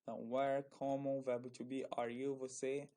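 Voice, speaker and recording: A man teaching a casual online English lesson, talking in a slow, halting way and often repeating words. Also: mid-range voice, flat delivery, warm tone.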